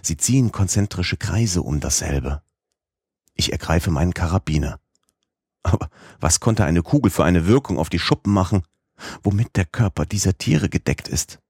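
Low, husky male audiobook narrator. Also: dry recording, studio quality. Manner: measured, steady reading. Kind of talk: scripted narration of a classic novel.

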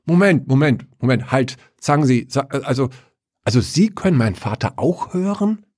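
A man's voice: lowish voice, animated, unhurried, darkish tone, breathy edge, no echo, clean studio sound, exaggerated voice. A man voicing a nervous young man who stammers and hurries through his words. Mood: flustered.

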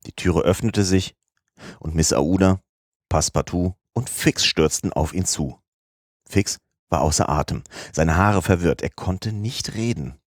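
A man calmly narrating a classic novel as an audiobook, in a measured reading style. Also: deep voice, no echo, clean studio sound.

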